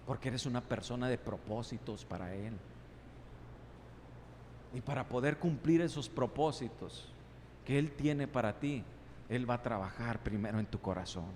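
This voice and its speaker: A man's voice: medium pitch, normal speed, pauses often, darkish tone, a little hiss or hum. A male pastor preaching an impassioned sermon, asking many rhetorical questions and voicing God's replies. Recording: long reverb in a large hall, faint ambience.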